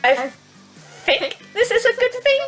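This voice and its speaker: A woman's voice: extremely high pitch, sing-song, unhurried, fairly bright tone, far from the mic, faint music behind, low-quality recording. A woman from the UK who giggles often and swears casually while reading game text aloud during a gaming livestream. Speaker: streamer.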